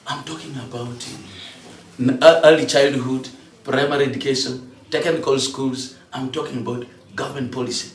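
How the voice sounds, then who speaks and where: A man, a candidate speaking at a meeting and turning animated when he stresses a point. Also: a little hiss or hum. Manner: animated, rising to a higher, louder pitch when emphatic. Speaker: parliamentary candidate addressing a security committee. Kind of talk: spontaneous address at a meeting. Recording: echoey room from far off, faint ambience.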